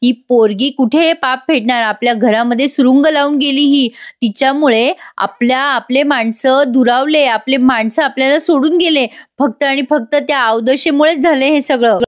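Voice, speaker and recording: A woman voicing a sharp-tongued, scheming older aunt who scolds and insults. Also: high-pitched, normal speed, few pauses, natural voice. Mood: cursing, tearful.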